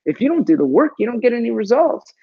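A man from Los Angeles talking casually as a guest on a podcast, relaxed and chatty, often saying "man" and "like.". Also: very high voice, quick pace, creaky, husky, dry recording, dull audio. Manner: laid-back and chatty, says "man" and "like" a lot. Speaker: guest actor and musician. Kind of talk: casual interview chat.

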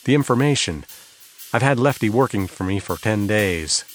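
A man's voice: on the low side, lively intonation, moderate pace, soft background music, natural voice. A man voicing a cowardly, nervous policeman who pleads and hesitates. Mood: pleading. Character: cowardly nervous male cop.

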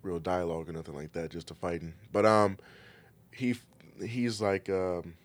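A man speaking as a podcast guest in casual chat, laid-back and halting as he explains things. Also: low voice, fairly even intonation. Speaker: podcast guest, trainer and massage therapist.

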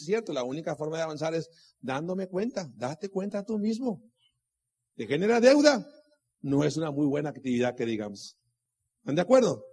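A middle-aged man with a husky, fairly high voice speaks to a live audience. He preaches with rhetorical questions and repeats his key lines. Personal anecdotes run through his talk. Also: a little mellow. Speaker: motivational speaker at a business meeting.

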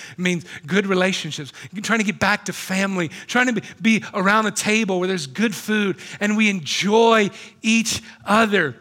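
A man in his forties preaching a sermon in a theater, earnest and animated, often checking in with "right?" and restarting his sentences. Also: sits high. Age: 40s. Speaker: pastor. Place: theater used as a church.

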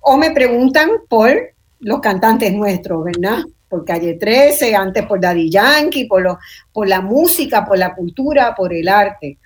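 Leading a panel discussion, an older woman with a Puerto Rican accent reflects thoughtfully and keeps ending sentences with "¿verdad?". She's from Puerto Rico, and her mid-range voice is expressive and unhurried.

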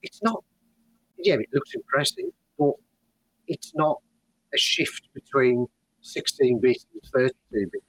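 A man's voice: mid-range voice, big pitch swings, a little slow, long pauses, fairly bright tone. A man in casual podcast chat, rambling and restarting his phrases while his microphone sound keeps cutting out and sounds faint and distant. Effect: microphone sound cutting out in dropouts. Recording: faint, distant mic with dropouts.

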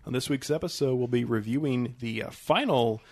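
A man's voice: medium pitch, fairly quick, darkish tone. Male film podcast host, mid-range voice. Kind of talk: casual film discussion.

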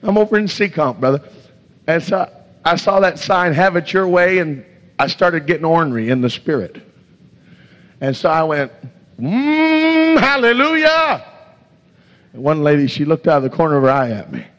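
A man's voice: on the high side, fairly quick. Impassioned preacher man in an echoey hall. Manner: impassioned, exclaims hallelujah and glory to God. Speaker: evangelist preacher. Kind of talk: sermon with storytelling. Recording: echoey hall, dull lo-fi sound.

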